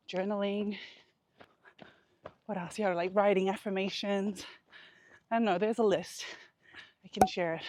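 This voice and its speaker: A woman talking candidly and reflectively to her vlog while out running, in a halting, casual way with pauses. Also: medium pitch, a little mellow, no echo. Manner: candid, introspective. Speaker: vlogger.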